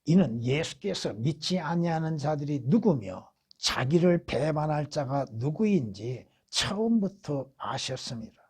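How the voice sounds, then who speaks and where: A man's voice: on the high side, expressive, a little slow, a little mellow, husky. A man preaching at a church Bible study as pastor, putting rhetorical questions to the congregation and answering them, with emphatic repetition.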